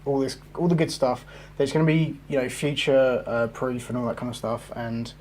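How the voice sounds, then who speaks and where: A man's voice: mid-range voice, little pitch movement, normal speed, darkish tone, a little hiss or hum. A man hosting a casual gaming podcast, rambling with plenty of fillers and the odd swear word. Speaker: podcast host.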